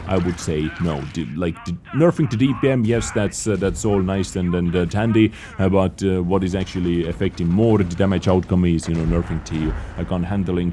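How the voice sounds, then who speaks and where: A gaming channel host whose first language isn't English does voice-over commentary on his own gameplay, analytical, conversational and plain-spoken. His voice sits low and warm, with a little hiss or hum in the audio.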